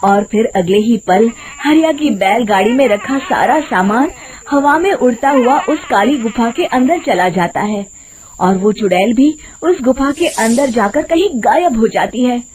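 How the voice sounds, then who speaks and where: A woman's voice: a little high, lively intonation, a little slow, a little mellow. A woman narrating a scripted cartoon story as its storyteller.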